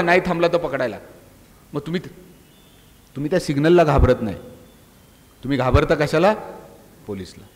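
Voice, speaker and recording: High-pitched man exhorting students in an echoing hall. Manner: rhetorical questions, scolding and exhorting. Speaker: police inspector giving a talk. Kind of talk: animated public speech to students. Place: college auditorium. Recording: long hall reverb.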